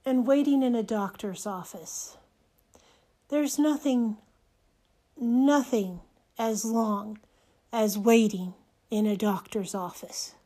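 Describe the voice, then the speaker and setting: An older woman with a hoarse, nearly gone voice, hosting a personal podcast in short, halting, reflective phrases. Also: a little high, dark tone. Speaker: podcast host.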